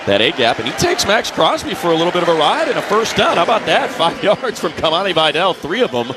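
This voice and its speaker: This radio play-by-play man for American football sounds high-pitched, very animated and fast. He speaks in short, descriptive bursts while the stadium crowd and ambient noise roar in the background.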